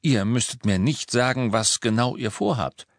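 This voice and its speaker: A man's voice: medium pitch, normal speed, no echo, close to an everyday voice. Lupin, a man voicing a tense weary werewolf. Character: weary middle-aged male werewolf teacher, guarded.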